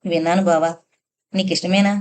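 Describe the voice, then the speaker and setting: A woman narrator voicing a playful, quick-witted young woman who teases and lightly mocks in an audiobook. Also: on the low side, level tone, darkish tone, close to an everyday voice. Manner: teasing, lightly mocking. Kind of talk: audiobook character reading.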